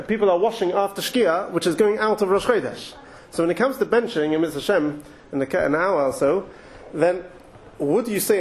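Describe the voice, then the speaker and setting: A man's voice: fairly high pitch, darkish tone. A man with an English accent giving an informal Torah talk, chatty and thinking aloud with frequent restarts and asides. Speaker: Torah teacher.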